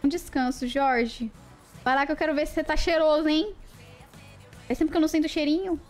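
A woman's voice: high voice, steady tone, fairly quick, darkish tone, soft background music. A young woman chatting casually on a livestream, playful and talkative, greeting viewers one by one. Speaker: live streamer.

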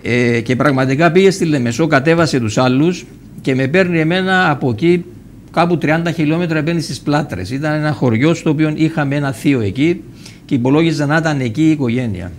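With a fairly high-pitched voice and a little hiss or hum in the recording, an older Cypriot man recounts a personal story as a TV interview guest. He performs the quoted dialogue colorfully and frequently starts over.

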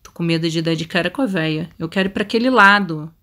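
A woman's voice: lowish voice, quick pace, pushed and bright. A Brazilian woman hosting a horror game let's play, chatting to viewers and crying out when scared. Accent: Brazilian Portuguese. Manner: chatty, shrieks and pleads when startled. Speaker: gaming channel host.

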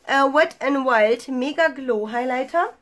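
A young woman beauty vlogger with a cold speaks in a high-pitched, fairly bright voice at an unhurried pace. She enthusiastically reviews her makeup in a casual way with lots of fillers, recorded on a camera in a small room at home.

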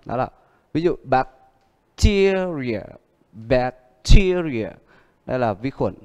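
A man teaching English word stress, explaining in a calm lesson voice and repeating each example word several times. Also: medium pitch, brisk, creaky, long reverb tail. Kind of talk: exam prep pronunciation lesson.

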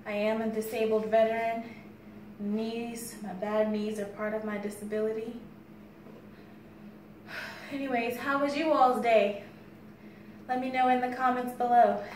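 An American woman in her thirties chatting casually to the camera as a fitness vlogger. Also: fairly high pitch. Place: bare-walled room indoors. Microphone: phone camera a few steps away. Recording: echoey room with faint background noise.

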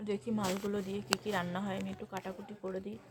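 A woman's voice: mid-range voice, flat delivery, racing, noisy background. A woman with a sore throat from a cold, chatting casually through her household chores in a home vlog. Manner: chatty, narrating chores as she works. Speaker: home vlogger.

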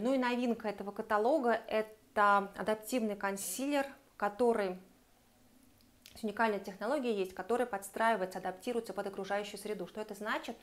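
A woman giving a chatty, enthusiastic beauty product review and speaking straight to her viewers. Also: mid-range voice. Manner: chatty, enthusiastic, recommends warmly and addresses viewers directly. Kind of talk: casual product review to camera.

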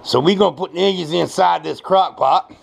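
This is a fairly quick-talking man with a high-sitting voice and an American accent, cooking at the stove in a small home kitchen. As he presents his recipe, he rambles casually and off the cuff, folksy and salty-mouthed, often going over the same thing again. Clear kitchen noise fills the background, including pan and utensil clatter, frying, stirring, and clinking dishes.

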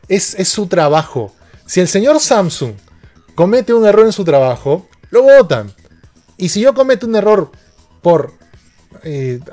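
Man, tech streamer, fairly high voice, chatty and jokey, live-stream chat, faint music underneath. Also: a little mellow. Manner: chatty, jokey, reads viewer questions aloud.

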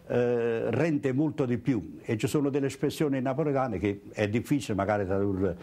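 A man's voice: mid-range voice, moderate pace, dark tone. An older man with a Neapolitan accent, a priest answering in an interview. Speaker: priest and Bible translator. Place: indoor room, seated interview.

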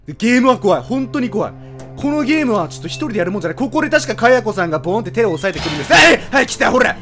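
A male let's-player narrating a horror game, his voice swinging from low mutters to loud shouts. He is jumpy, yelping at every scare and scolding the screen, with faint game music under him. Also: sing-song, racing. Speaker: game streamer.

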